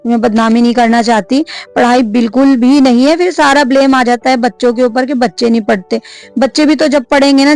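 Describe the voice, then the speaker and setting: A woman's voice: fairly high pitch, darkish tone. A woman in her thirties, a vlogger and mother, chatting casually to camera, many fillers, and a complaining tone.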